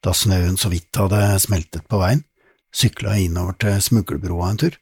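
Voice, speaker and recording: A man doing a slow, thoughtful lanky boy. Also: low voice, fairly even intonation, breathy edge, dry recording. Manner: slow, deliberate. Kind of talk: audiobook character voice.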